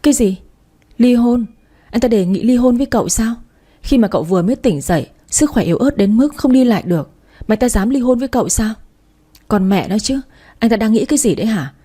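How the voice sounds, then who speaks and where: A woman's voice: medium pitch, expressive, a little fast, warm tone, slightly rough. A woman voicing a caring, fiercely protective young female friend in an audiobook. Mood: indignant. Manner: soothing, then indignant. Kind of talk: audiobook reading.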